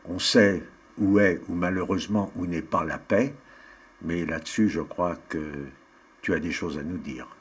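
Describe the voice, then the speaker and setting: A man hosting an interview, introducing his guest formally and asking measured questions. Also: sits low. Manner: measured, with fillers and restarts.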